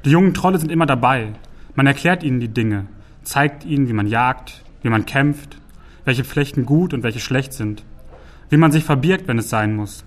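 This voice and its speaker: A man's voice: medium pitch, lively intonation, moderate pace, close to an everyday voice. Male narrator voicing a simple, curious troll in a storybook reading, earnest and plain.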